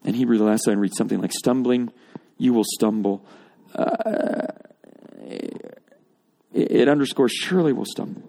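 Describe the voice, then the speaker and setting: Guy preaching a sermon, gravelly voice, gets louder on the repeats. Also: medium pitch, normal speed, pauses often. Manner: expository preaching, rising emphasis on repeated phrases. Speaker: pastor. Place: church or auditorium with congregation.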